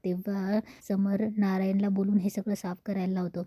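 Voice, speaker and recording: A woman retelling a TV serial episode in a steady, plain narration. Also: medium pitch, normal speed, no room sound.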